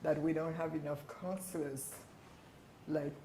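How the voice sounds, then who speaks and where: A man who works as a teacher, reminiscing in a reflective, deliberate and emphatic way. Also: a little high, fairly even intonation, dark tone. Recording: roomy echo, faint background noise.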